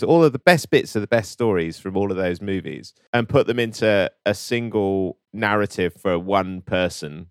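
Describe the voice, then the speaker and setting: A man's voice: on the low side, no room sound, clean studio sound. A man co-hosting a comedic chat, laughing often, stammering and repeating words as he plays dumb. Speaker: co-host.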